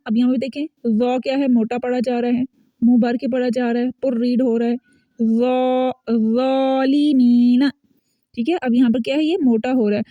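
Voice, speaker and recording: A woman teaching Quran recitation online, explaining sounds and slowly repeating example words for her students. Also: on the high side, no echo, phone-quality sound. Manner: patient, repeats words slowly and drills them. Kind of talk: online lesson, explaining and modeling pronunciation.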